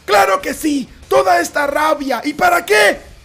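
A man's voice: extremely high pitch, measured pace, gravelly, fairly bright tone, raised voice, faint music behind, pitched above the performer's own voice, exaggerated voice. A man voicing an earnest heroic young Tyrannosaurus, emphatic and imploring, in a dramatic toy-dinosaur story.

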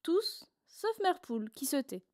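A woman reading a children's story aloud in a playful, expressive storyteller manner. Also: very high voice, a little slow, no echo, studio quality.

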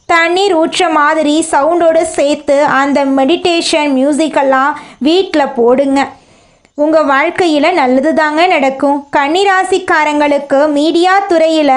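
A woman with a high voice and a Tamil accent presents an astrology forecast. She speaks in short, steady, declarative statements, each prediction given as a plain certainty.

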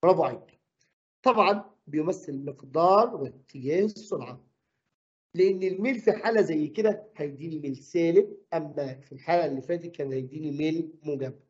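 A man with an Egyptian Arabic accent teaching a physics lesson, quizzing the class with quick questions. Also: a little high, highs cut off.

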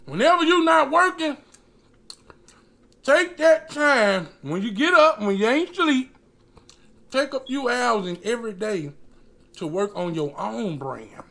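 High-pitched, animated man talking while eating. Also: vocal fry. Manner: emphatic, preacher-like delivery with dramatic pauses. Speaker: mukbang eating-show host. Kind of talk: motivational talk to camera. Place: small indoor room.

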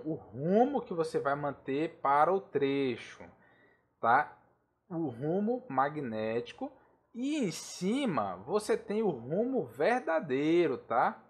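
A Brazilian man explaining aviation charts in a casual, slangy tutorial, constantly checking in with the listener. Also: a little high. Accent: Brazilian Portuguese. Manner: chatty and informal, slangy asides, checks in with the listener often. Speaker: air traffic control instructor. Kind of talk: casual screen-share tutorial.

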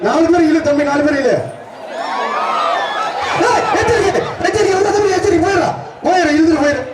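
Extremely high-pitched, expressive and fairly quick, a man with a Tamil Nadu accent calls a bull-taming event live over a loudspeaker, barking at handlers and the audience and repeating his cries. The capture is distant and echoey, from an open-air arena full of loud crowd noise.

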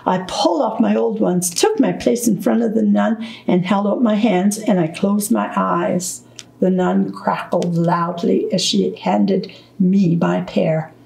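A woman reading a children's book aloud at storytime, slow, deliberate and gentle. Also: medium pitch, vocal fry, echoey room, poor audio. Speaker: storytime reader.

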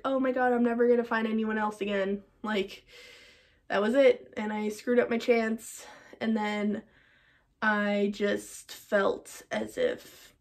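A young woman talking to camera in a personal vlog, emotional and rambling with lots of fillers, a little teary. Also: mid-range voice. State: teary-eyed. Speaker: vlogger.

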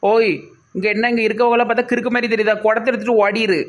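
A woman's voice: fairly high pitch, level tone, fast. A woman with a Tirunelveli Tamil accent, playing a brash, scolding villager in a comedy sketch.

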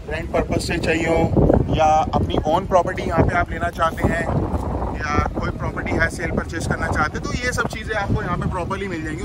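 Chatty man vlogging by a noisy road. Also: fairly high pitch. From Delhi. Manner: chatty, mixes English words into Hindi, repeats "theek hai". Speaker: vlogger touring an area. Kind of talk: casual walking vlog commentary. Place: outdoors by a road. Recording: outdoor wind and traffic noise. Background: loud wind and passing vehicles.

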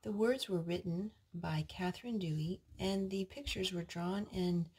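In the rough recording, a woman with a fairly low, husky, slightly mellow voice reads to small children without hurrying. She's a parent at home in the living room, singing with them and keeping her words simple and instructive, with questions sprinkled in.

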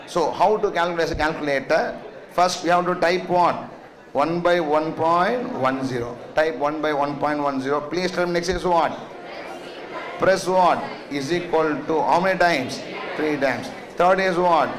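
In an echoey indoor classroom, a middle-aged finance lecturer with a South Indian accent addresses his students, drilling them with repeated questions and check-ins. His voice is fairly high in pitch and moves at a moderate pace.

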